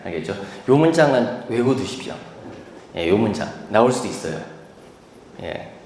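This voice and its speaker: A man's voice: mid-range voice, slight background noise. Man teaching in an echoey lecture hall. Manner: explains patiently, repeats key words with "예"; slows to model English pronunciation. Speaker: TOEIC instructor. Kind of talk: classroom lecture. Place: lecture room. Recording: echoey hall, distant mic.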